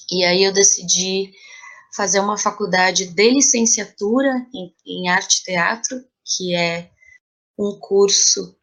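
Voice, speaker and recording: A woman from São Paulo, Brazil, speaks with a Brazilian accent in a medium-pitched, fairly bright voice. She's a podcast guest who works as a playwright, actress and teacher, and she explains things in a conversational, reflective way.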